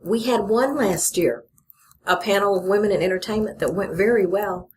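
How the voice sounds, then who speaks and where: A woman's voice: mid-range voice, moderate pace, a little mellow. A middle-aged woman from Texas, a festival organizer talking casually in an interview, laughing often and saying "you know" a lot. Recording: faint background noise.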